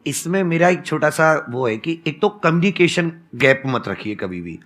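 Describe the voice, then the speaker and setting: A man in his thirties with a slightly raised pitch speaks earnestly on a panel. He lists points one by one and drifts into personal stories. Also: expressive, normal speed, a bit bright. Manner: storytelling, earnest, counts off points. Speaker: teacher and co-founder. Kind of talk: conversational panel talk.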